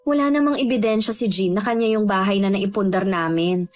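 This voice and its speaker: A woman's voice: mid-range voice, brisk, lightly acted. An actress playing a greedy elder sister who keeps evasively denying she took anything. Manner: evasive, sulky denials.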